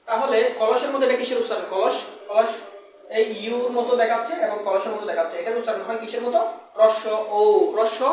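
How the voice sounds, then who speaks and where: A fairly high-voiced woman teaching a pronunciation lesson. She drills each example word several times and quizzes her listeners, then answers herself. The sound bounces around a very echoey room, with the mic well away from her. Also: far from the mic. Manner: repeats example words slowly, asks and answers her own questions. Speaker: English teacher.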